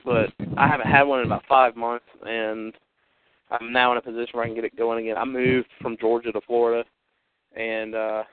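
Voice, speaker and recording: A podcast host with a medium-pitched, clean-toned voice chats casually over a phone line, upbeat and rambling with plenty of fillers. The sound is narrow and dry, with no room sound.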